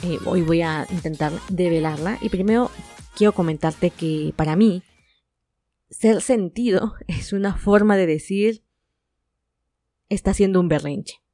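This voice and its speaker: A woman's voice: on the low side, unhurried, warm tone, dry recording, faint music behind. A woman from Mexico with a Mexican Spanish accent, hosting a relationship advice podcast in a chatty, frank way with playful asides. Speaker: podcast host.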